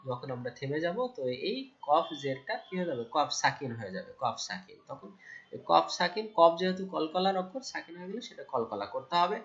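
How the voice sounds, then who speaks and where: A man teaching Quran recitation rules, asking his own questions, answering them, and reciting verses slowly and loudly. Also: a little high, muffled recording. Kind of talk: Quran tajweed lesson.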